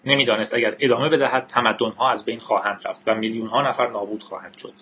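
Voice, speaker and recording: A man reads a story aloud in a steady, dramatic narrating style. His voice has a husky grain, and the recording sounds dull and lo-fi. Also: mid-range voice.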